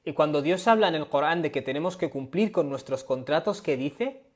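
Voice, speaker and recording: A man's voice: fairly high pitch, animated, brisk. A man teaching on a live stream, explaining step by step and often checking in with his listeners. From Spain. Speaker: Islamic studies teacher. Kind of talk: live-stream lecture with questions. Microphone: webcam or phone on a live stream.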